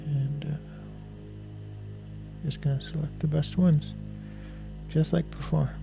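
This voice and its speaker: A man giving casual, low-key live-stream commentary as he works on photos, unhurried, with music behind him. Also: flat delivery, vocal fry.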